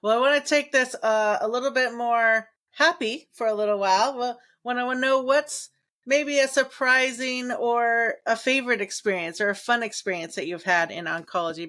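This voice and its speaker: A woman's voice: a little high, a bit bright. A woman podcast host, upbeat, steering the talk to lighter stories. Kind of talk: casual podcast chat.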